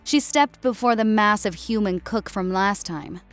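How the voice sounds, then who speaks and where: A woman narrates scripted fiction as an audiobook reader, voicing character dialogue in a medium-pitched, slightly bright, unhurried voice. The recording is close and dry, with soft music playing behind her.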